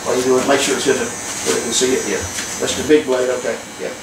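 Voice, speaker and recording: A middle-aged man, a master barber calmly coaching a student barber in a small shop, repeating short instructions. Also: medium pitch, fast, creaky, noisy background. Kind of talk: casual coaching. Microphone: camera on tripod across the room. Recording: echoey room with loud clipper buzz.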